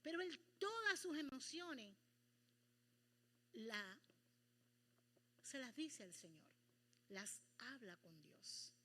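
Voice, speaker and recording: High bright woman pastor preaching. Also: slow pace, long pauses. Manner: animated, acts out prayers and dialogue. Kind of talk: Bible study sermon.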